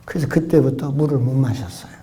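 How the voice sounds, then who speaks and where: A man preaching a revival sermon, telling his testimony with emotion and often dropping to a hushed whisper. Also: medium pitch, fairly quick. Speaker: pastor.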